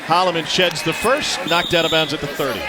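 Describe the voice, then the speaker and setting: A man's voice: on the high side, steady tone, brisk, over a noisy crowd, very noisy. A man calling live football play-by-play. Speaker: play-by-play announcer. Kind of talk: live American football commentary.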